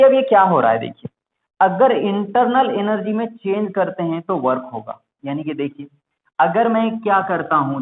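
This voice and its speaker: Man teaching a lecture in a tinny, echoey room. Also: high voice. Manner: asks the class questions and answers them himself. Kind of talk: classroom lecture. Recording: echoey room over a tinny, phone-like line.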